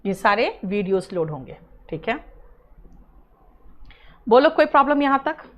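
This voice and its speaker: A woman's voice: on the high side, sing-song, moderate pace, fairly bright tone, highs cut off. A woman teaching an online English exam class. She explains words patiently, calls students "beta" and keeps checking "है ना?". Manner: mixes English terms into Hindi explanations.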